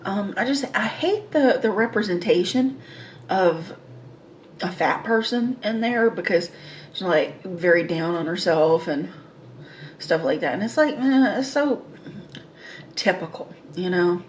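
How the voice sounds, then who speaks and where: Casting: unhurried woman, mukbang host who talks between bites with savoring mms. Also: medium pitch, animated, a little hiss or hum. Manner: eating while talking, with savoring mms between phrases. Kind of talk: casual eating-show chat.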